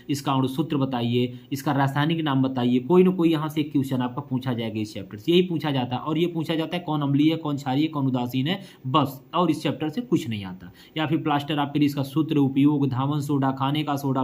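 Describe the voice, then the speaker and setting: A man's voice: mid-range voice, darkish tone. A young man teaching an exam revision lesson, who asks questions and then answers them himself, with casual asides and memory tricks.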